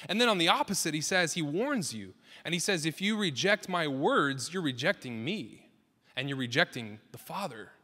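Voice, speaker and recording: A man's voice: a little high, sing-song, normal speed, bright, forceful tone. A man in his thirties, a pastor giving an earnest, conversational sermon that builds in emphasis. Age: 30s. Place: church sanctuary. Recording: long reverb of a church hall.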